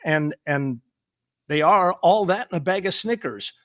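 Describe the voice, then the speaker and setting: Earnest, emphatic man with a fairly high voice. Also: animated, unhurried, a bit bright, dry recording, studio quality. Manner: earnest and emphatic, repeats words for stress; frequent stammered restarts. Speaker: therapist guest. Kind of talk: conversational interview.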